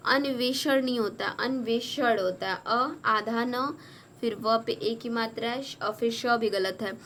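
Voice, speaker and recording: A woman tutoring exam students on spelling, going word by word slowly and repeating corrections. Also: fairly high pitch, fairly bright tone, a little hiss or hum. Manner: slow, repetitive, correcting each word. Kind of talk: spelling lesson.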